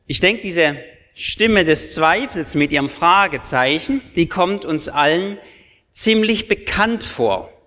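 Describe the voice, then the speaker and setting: A man's voice: a little high, expressive, takes it slowly, bright, forceful tone. A male pastor preaching a sermon to confirmands, earnest and emphatic, speaking directly to his listeners. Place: church. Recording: long church reverb.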